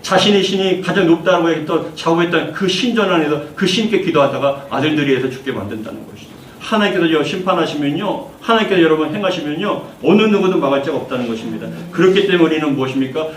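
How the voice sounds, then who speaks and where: Male pastor, fervent sermon, high voice, echoey church hall, distant mic. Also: fast, hardly any pauses, a little hiss or hum. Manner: fervent preaching, repeating phrases, leading congregation in reading. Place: church sanctuary.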